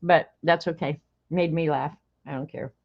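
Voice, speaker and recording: A woman in her sixties with a low, steady voice chats casually at a moderate pace while opening mail on a livestream. She thinks aloud and laughs often, and the stream audio is slightly dull and lo-fi.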